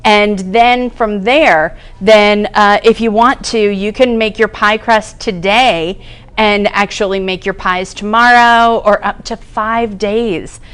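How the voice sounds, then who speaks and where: Female cooking teacher, middle pitch, clean resonant tone, relaxed and talkative. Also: slow pace, smooth. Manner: chatty, explains each step while working. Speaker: cooking class instructor. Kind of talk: casual cooking demonstration. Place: kitchen classroom.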